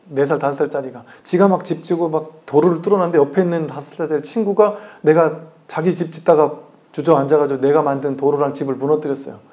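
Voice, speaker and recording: A man's voice: fairly high pitch, fairly even intonation, fast talker, mellow. A man, a Buddhist monk, giving a conversational dharma talk that acts out the voices in his stories and asks the audience questions. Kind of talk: sermon.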